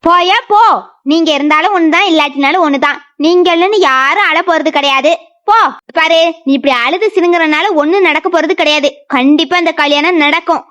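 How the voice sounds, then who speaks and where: A woman's voice: very high-pitched, fairly quick, a bit bright, dull audio. A woman voicing a cruel, scheming stepmother in a cartoon drama, bossy and threatening. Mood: scornful.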